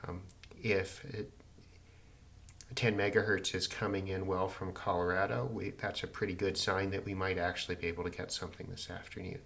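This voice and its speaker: At home indoors in a city, a radio hobbyist gives an unscripted demonstration of a receiver. His low voice has little pitch movement, moderate pace, vocal fry and a fairly bright tone, and he stays matter-of-fact while thinking aloud.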